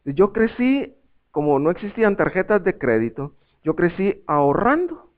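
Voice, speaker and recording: A middle-aged man preaches a sermon in a somewhat high voice. His delivery is emphatic, dropping into quiet asides and then climbing to loud, raised cries. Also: sing-song, moderate pace, narrow, tinny audio. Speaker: pastor.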